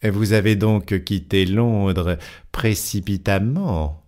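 A man voicing a male police inspector in an audiobook, asking questions in a measured, deliberate way. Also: fairly low pitch, darkish tone. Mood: probing. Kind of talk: audiobook character voice.

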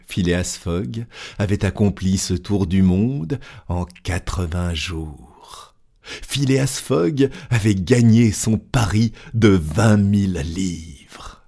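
A man narrating a classic novel with slow, deliberate pacing. His voice is low and dark with a slight husk, yet it rises and falls expressively through the story. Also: slightly rough. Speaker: audiobook narrator. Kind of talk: scripted narration.

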